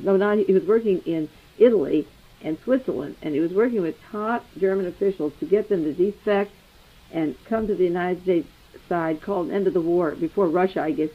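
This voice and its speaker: A man delivering a rambling, speculative monologue as a commentator, thinking aloud with many fillers and asides. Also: high-pitched. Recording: dull lo-fi archival recording.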